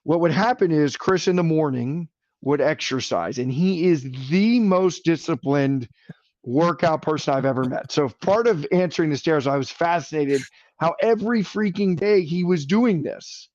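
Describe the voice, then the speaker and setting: A man's voice: a little high, normal speed, darkish tone, no echo, dull audio. A man speaking as a podcast guest in casual conversation, earnest and enthusiastic, rambling a little as he talks.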